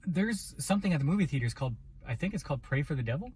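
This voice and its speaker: A man's voice: on the high side, animated, rapid-fire, a little mellow, a little hiss or hum. A man co-hosting a casual movie review chat, telling the story in a loose, rambling way. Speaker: podcast co-host.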